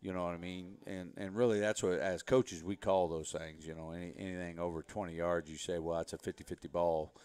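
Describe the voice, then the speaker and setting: A man speaking as a head football coach in a relaxed interview, rambling a bit as he explains. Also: low voice, brisk, few pauses, smooth, dry recording. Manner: relaxed, rambling, frequent "you know" fillers. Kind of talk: casual interview talk.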